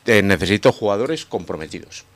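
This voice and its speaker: A man's voice: on the low side, lively intonation, brisk. A man in a casual sports radio debate, giving firm, emphatic opinions.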